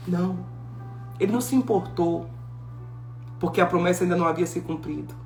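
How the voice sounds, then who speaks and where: A woman preaching a sermon, telling the story with lively acted-out dialogue. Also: lowish voice, brisk. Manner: animated storytelling, acting out biblical dialogue. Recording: echoey room with faint music.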